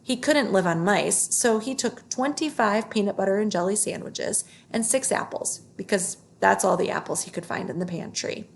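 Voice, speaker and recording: A woman reads a children's book aloud, expressive and careful with her phrasing. Her medium-pitched voice has a noticeable creak, and she keeps a moderate pace with hardly any pauses.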